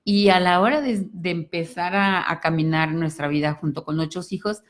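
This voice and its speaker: A middle-aged woman with a fairly low voice. She talks gently and encouragingly, turning straight to the viewers as she speaks. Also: moderate pace. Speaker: co-host of a personal growth talk. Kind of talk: conversational talk to viewers.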